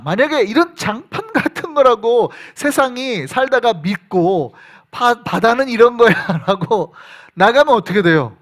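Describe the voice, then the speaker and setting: Male pastor, high voice, very lively pitch, animated sermon, shouts and whispers. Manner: animated preaching, acting out shouted quotes and sudden hushed whispers. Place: church sanctuary.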